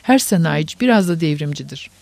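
A man's voice: fairly high pitch, lively intonation, fairly quick, creaky, a little mellow, dry recording. A man voicing a boastful, self-assured male industrialist who lectures his listeners. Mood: smug.

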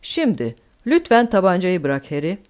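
Lady doing a cold bossy woman giving orders, loud, lively pitch. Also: normal speed. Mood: commanding. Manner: commanding, crisp orders. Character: cold commanding woman in control, ruthless.

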